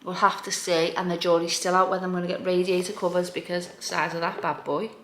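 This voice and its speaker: A woman's voice: on the low side, flat delivery, quick pace, fairly bright tone. A woman chatting casually as a home vlogger, thinking aloud in an informal, self-deprecating way. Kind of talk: casual chatty room-tour vlog. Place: indoors in a living room. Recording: echoey room, background noise.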